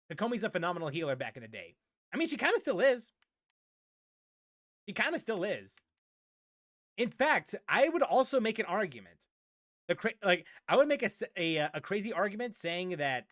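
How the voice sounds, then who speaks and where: A man with a high, fairly bright voice chats casually about games on a livestream, answering viewers. He rambles, often repeating his phrases for emphasis, and the recording is dry and studio quality.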